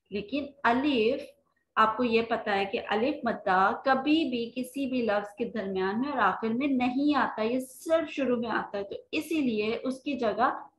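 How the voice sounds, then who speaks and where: A woman with a Pakistani Urdu accent teaching children the alphabet, drawing out words slowly and asking them questions. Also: a little high, a bit bright, echoey room, poor audio. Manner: slow, drawn-out sounding of words; asks rhetorical questions to children.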